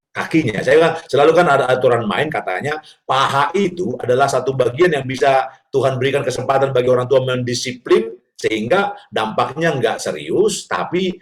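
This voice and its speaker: A man telling family stories as a guest on a parenting talk show, animated and acting out scenes, with an Indonesian accent. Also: mid-range voice, normal speed. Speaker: guest speaker, father.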